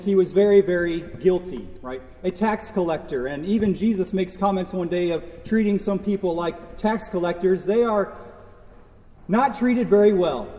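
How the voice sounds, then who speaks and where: A man's voice: high-pitched, dark tone. A man preaching a sermon as pastor, speaking conversationally with rhetorical questions and wry asides. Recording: echoey church with long reverb.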